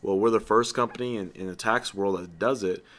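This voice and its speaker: Earnest, persuasive man, lowish voice. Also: fairly quick, a bit bright. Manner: earnest and persuasive, with rhetorical questions and light jokes. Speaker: company founder addressing new recruits. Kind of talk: motivational orientation talk.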